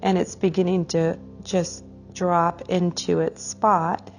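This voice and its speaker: Faint music plays behind a woman guiding a meditation class in a fairly low voice with little pitch movement. She takes her time, soothing and slow, stretching out phrases and letting them trail off softly.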